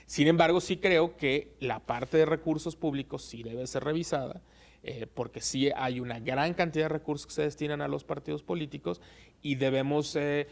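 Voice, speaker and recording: A man being interviewed as an expert on election law, explaining at a measured pace with frequent "eh" pauses. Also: a little high, gravelly.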